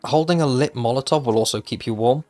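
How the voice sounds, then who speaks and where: A man narrating a scripted top ten countdown style video of game tips, explaining each item clearly with casual asides. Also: mid-range voice, fast, dark tone. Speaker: gaming video host. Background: music.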